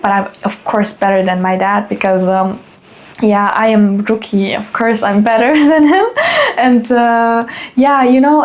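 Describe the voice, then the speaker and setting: A young woman from Germany hosting a solo podcast, talking casually and rambling, with many fillers and restarts. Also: on the high side. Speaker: podcast host.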